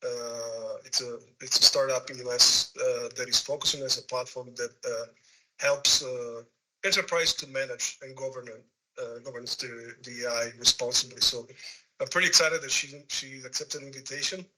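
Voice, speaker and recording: Guy hosting an online panel, really bright forceful voice, kinda halting, repeats his words. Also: medium pitch, steady tone, poor audio. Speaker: host, moderator. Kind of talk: informal hosting of an online session.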